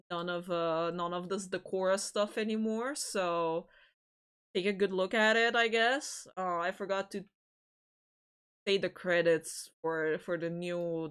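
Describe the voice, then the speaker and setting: A woman's voice: fairly low pitch, fairly even intonation, slow, a bit bright, clear, resonant tone. A woman hosting a livestream, chatting casually with viewers in a giggly, rambling way, often restarting her sentences. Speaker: livestream host.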